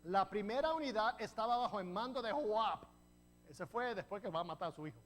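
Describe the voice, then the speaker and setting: Animated preaching pastor, a man. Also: high voice, a little fast. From New Jersey, USA. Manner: animated storytelling with rhetorical questions to the congregation; jokes with the congregation. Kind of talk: sermon.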